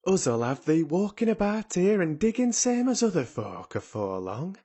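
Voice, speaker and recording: A man's voice: high voice, very animated, normal speed, mellow, husky, voice pushed up, full character voice. A man voicing a sturdy Yorkshire country boy, cheerful and stoutly encouraging, in a storybook reading.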